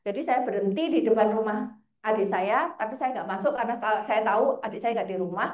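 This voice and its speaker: A woman, a financial planner telling lively stories in a casual interview, often laughing. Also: mid-range voice, fast. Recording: roomy echo.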